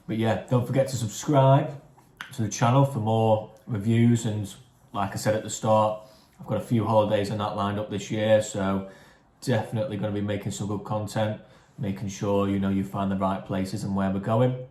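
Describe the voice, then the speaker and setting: Chatty low-voiced man reviewing takeaway. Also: normal speed, echoey room. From England, near Chester. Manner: chatty, relaxed, talking with his mouth full. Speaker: food review vlogger. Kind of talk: casual food review vlog.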